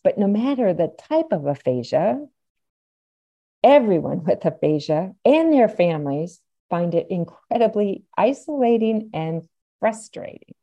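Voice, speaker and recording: A woman's voice: mid-range voice, big pitch swings, unhurried, warm tone, highs cut off. A middle-aged or older woman, explaining things as an interview guest and stressing key points emphatically. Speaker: podcast guest, aphasia advocate.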